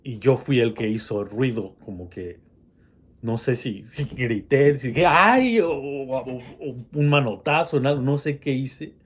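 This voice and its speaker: A man's voice: mid-range voice, measured pace, a little mellow, slightly rough. A man telling a personal horror story in a casual, hesitant way, with many restarts.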